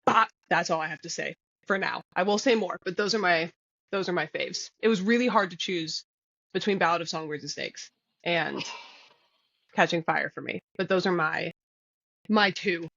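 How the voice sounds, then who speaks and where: Giggly bright-voiced woman podcast host. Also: moderate pace, vocal fry, no room sound, highs cut off. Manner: giggly, lots of fillers like "like" and "boom". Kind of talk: casual chat. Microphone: podcast mic, eating on air.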